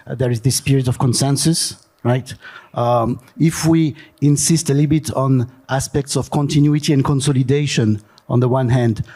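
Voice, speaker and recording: A man's voice: mid-range voice, dark tone. A man answering as a panelist, hesitant and full of restarts. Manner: hesitant, many fillers and restarts.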